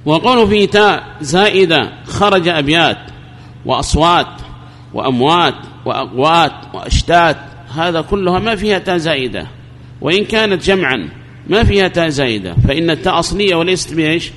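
Guy teaching a grammar class, kinda high voice, repeats every example, big echoey hall with faint hiss. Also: expressive, a bit bright. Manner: explains slowly, repeating words and examples and asking rhetorical questions. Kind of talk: recorded lesson on Arabic grammar.

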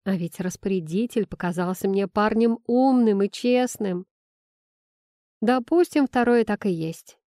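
A woman reads a first-person audiobook in an even, wry manner. Her voice is warm and dark, and her pitch sits in the middle. The recording is dry and close, with no room sound. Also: measured pace, no room sound. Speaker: narrator.

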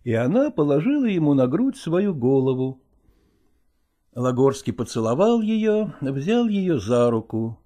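A man reading the narration of an audiobook drama in a calm, measured way. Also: fairly high pitch. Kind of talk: scripted narration.

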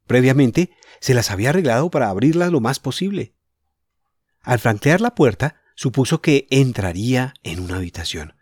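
A man's voice: medium pitch, moderate pace, slightly rough, dry recording, studio quality. A man narrating a children's adventure novel as an audiobook, reading expressively. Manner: expressive storytelling.

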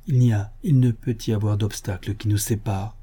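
A man's voice: fairly low pitch, fairly even intonation, normal speed, warm tone, slightly rough. A man playing a tender young fiancé.

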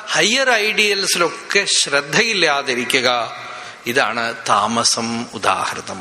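A man, a spiritual teacher, giving a scripture discourse, explaining with rhetorical questions and slowly chanting verses. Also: fairly high pitch, pushed and bright. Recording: echoey hall, faint ambient noise.

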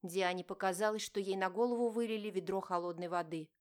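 A woman narrating a romance novel as an audiobook, in an even, measured reading. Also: medium pitch. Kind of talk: scripted narration.

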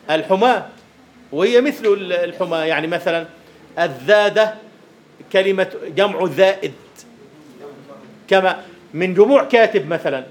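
A man with a high voice lectures a university class on poetic meter, putting questions to the students and at times dropping to a quiet murmur.

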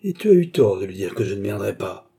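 A man's voice: on the low side, sing-song, fast, vocal fry, warm tone, breathy edge, exaggerated voice. Man voicing an angry young rescuer. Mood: wrathful. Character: young workman, furious rescuer. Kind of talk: audiobook reading.

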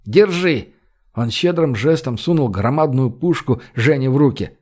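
A man with a medium-pitched voice narrates an audiobook, reading the scripted text in an even, measured style.

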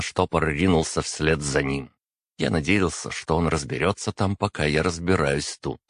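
A man narrates a first-person fantasy audiobook in a steady, measured way. His voice is extremely deep, and the recording is dry and close with no room sound. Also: dry recording.

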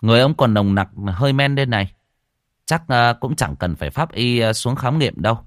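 A man doing a brisk village official. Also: mid-range voice, lively intonation, no room sound, clean studio sound, voice pushed up, close to an everyday voice. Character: local official, matter-of-fact.

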